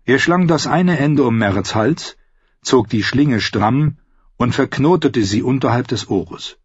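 Husky male audiobook narrator. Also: medium pitch, expressive, unhurried, no room sound. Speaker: audiobook reader. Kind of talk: scripted fantasy narration. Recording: dull lo-fi recording.

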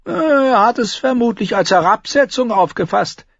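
A man's voice: very high voice, animated, moderate pace, creaky, a bit bright, no echo, lo-fi sound, pitched above the performer's own voice, heavily acted. A male audiobook narrator voicing a witty, sly dwarf lord in a raised, mocking voice. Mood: wry. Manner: mocking, wheezing with laughter.

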